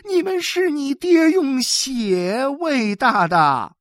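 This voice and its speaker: A woman's voice: on the high side, sing-song, slow, dry recording, studio quality, pitched above the performer's own voice. A woman voicing a middle-aged wife who scolds emphatically and shields her husband. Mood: scolding.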